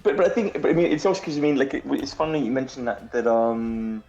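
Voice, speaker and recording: A man's voice: mid-range voice, animated, quick pace, mellow, highs cut off, soft background music. A Scottish man, a game developer guest, chatting casually in a rambling way, full of restarts and easy laughter. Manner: rambling, many fillers and restarts, laughs easily. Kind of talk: casual chat.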